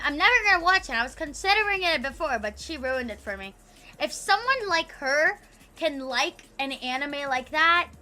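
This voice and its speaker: A woman's voice: sits high, pushed and bright. A young adult woman streamer in a rambling, profane casual rant, full of "like". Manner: profane, rambling, heavy use of "like". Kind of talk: casual ranting chat.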